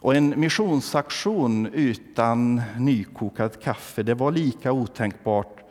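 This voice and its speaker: Wry preacher in an echoey church. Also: male voice, medium pitch, lively intonation, darkish tone. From southern Värmland, Sweden. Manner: wry storytelling, asks the congregation. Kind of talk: humorous sermon.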